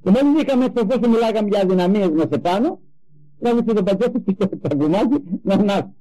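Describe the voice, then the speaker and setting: An older man giving a religious talk, telling personal stories with animated emphasis. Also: sits high, low-quality recording. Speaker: religious speaker. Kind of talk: sermon with personal anecdotes.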